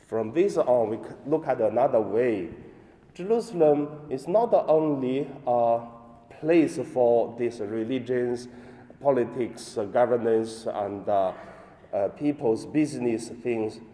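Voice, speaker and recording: Man, priest, non-native English speaker, mellow voice, deliberate sermon delivery, strong church echo. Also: medium pitch. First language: not English. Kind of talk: scripture reading and sermon. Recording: echoey hall with long cathedral-like reverb.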